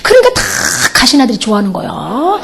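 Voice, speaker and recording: A middle-aged pastor's wife giving a lively testimony sermon, laughing often and mimicking other people's voices. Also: female voice, high voice, fairly quick, vocal fry.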